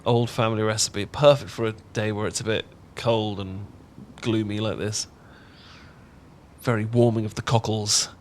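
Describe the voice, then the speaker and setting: An English voice actor from England, his voice on the low side, fairly even and close to everyday speech, talks at normal speed with slight background noise. In an intimate ASMR roleplay he plays a bashful, affectionate young roommate, warm and chatty, stammering when flustered.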